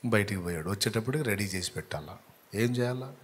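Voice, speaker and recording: A man preaching a sermon, telling a story dramatically and acting out the voices in it with sudden loud rises. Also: on the low side, animated, fast, husky. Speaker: pastor.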